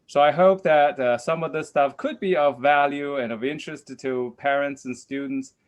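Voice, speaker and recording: A man's voice: fairly high pitch, normal speed. A man on a webinar panel giving gracious, formal closing thanks. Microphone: video call.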